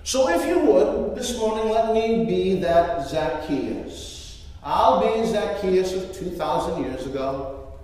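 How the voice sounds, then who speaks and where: A man in his fifties, a pastor telling a story sermon in the first person, with dramatic swings in loudness. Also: high voice, expressive, takes it slowly. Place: large church. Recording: echoey church hall from far off.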